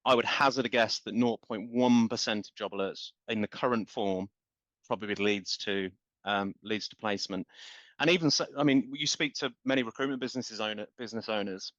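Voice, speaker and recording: On a business podcast, a man with a lowish, slightly bright voice speaks fairly quickly as a guest who founded a marketing company, rambling passionately through long run-on explanations with repeated words. The audio is dry, muffled and lo-fi, with no room sound.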